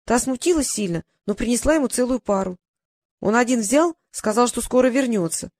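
A woman's voice: a little high, expressive, a little fast, darkish tone, no echo. Woman reading a chatty young sidekick guy, matter-of-fact, dry sound. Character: chatty young male companion reporting news.

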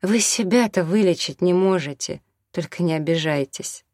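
A man's voice: sits high, moderate pace, a little mellow, no room sound, clean studio sound. A man voicing a tearful, worn-out young mother. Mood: weary.

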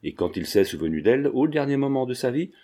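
Formal male notary, read by a man, measured courteous speech, mellow dark tone. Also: mid-range voice, very animated. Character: polite, formal middle-aged male notary.

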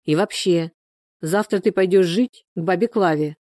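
A woman's voice: on the low side, normal speed, darkish tone, no room sound, lightly acted. A woman reading the part of a hot-tempered village wife and mother who scolds sharply. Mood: scolding.

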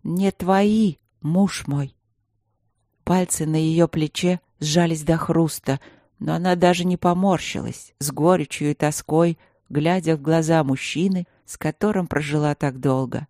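A woman narrating a fantasy novel in a steady, measured audiobook read. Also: low-pitched, no room sound, studio quality.

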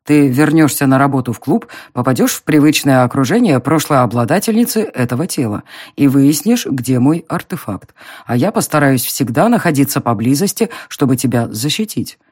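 A narrator playing a smug young nobleman who mocks and teases in an audiobook reading, with a slow, drawling, low delivery. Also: very animated, a little mellow, breathy edge. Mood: mocking.

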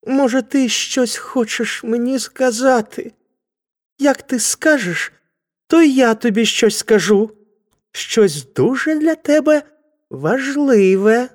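A woman's voice: mid-range voice, big pitch swings, slow pace, a little mellow. A woman voicing an anxious young man who talks hesitantly and pleads. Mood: pleading. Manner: hesitant, wheedling.

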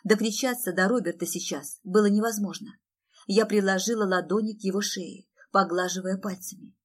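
A woman's voice: medium pitch, fairly even intonation, normal speed. Female audiobook narrator, first-person novel, dramatic delivery.

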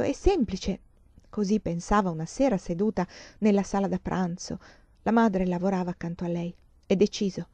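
A woman reading a literary novel aloud as an audiobook, shifting between hushed and louder passages. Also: mid-range voice, dry recording. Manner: expressive, swings between hushed and loud passages. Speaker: reader of a novel.

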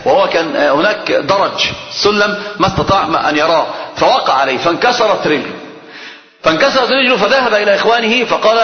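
A male scholar teaching a religious class, telling stories with animation and quizzing his students. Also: fairly high pitch. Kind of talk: religious lesson with storytelling. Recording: echoey hall, dull lo-fi sound.

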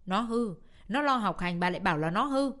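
A stern middle-aged father firmly rebuking his wife, as a woman reader puts him on. He speaks steadily and reproachfully, without lowering the reader's own pitch much. It is an audiobook reading of a family drama. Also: lively intonation, brisk, fairly bright tone, close to an everyday voice. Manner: reproachful, firm.

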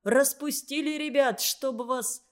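A woman voicing an angry, blustering young male truck driver who shouts indignantly in a read-aloud story. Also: on the high side, normal speed, natural voice.

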